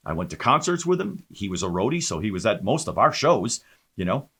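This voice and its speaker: A man, a pastor, telling his personal testimony in an animated storytelling way, with many fillers and restarts. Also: fairly low pitch, brisk, slightly rough.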